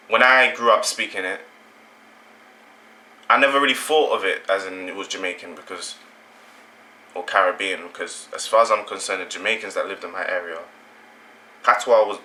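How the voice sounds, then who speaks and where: Low, tense-voiced British man vlogging. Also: moderate pace, pauses often, sharp tone, a little hiss or hum, low-quality recording. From England. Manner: rambling, self-correcting, conversational. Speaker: channel host. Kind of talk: casual opinion monologue.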